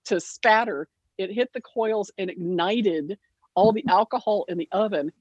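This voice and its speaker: Woman telling a lively family story. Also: mid-range voice, a little slow, no echo, lo-fi sound. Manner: animated, laughs through the story, acts out quoted family voices. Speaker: guild member sharing a story. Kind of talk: casual storytelling.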